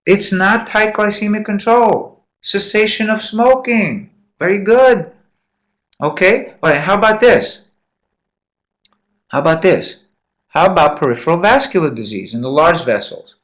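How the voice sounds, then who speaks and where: A man's voice: high voice, animated, measured pace, a bit bright. A man giving a live medical lecture in a classroom, quizzing students and repeating key points. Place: lecture room.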